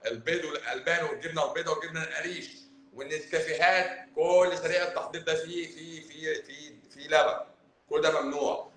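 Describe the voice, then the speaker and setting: Egyptian man, doctor on a livestream, blunt and emphatic, rapid delivery, roomy echo. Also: fairly high pitch. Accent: Egyptian Arabic, Cairo. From Cairo, Egypt. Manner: emphatic, blunt, swings between loud and hushed. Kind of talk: livestream talk answering viewers.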